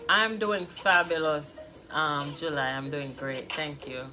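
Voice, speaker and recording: A woman's voice: sits low, slow, music in the background. A Jamaican woman hosting a casual live political discussion on her phone, chatting and greeting viewers by name, slipping into patois. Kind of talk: casual live-stream chat.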